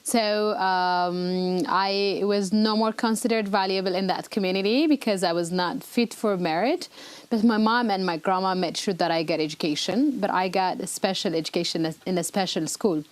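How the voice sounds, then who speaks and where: In a broadcast studio, an Ethiopian rights activist answers interview questions, explaining things earnestly with frequent hesitations. Her voice is mid-range and her pace moderate.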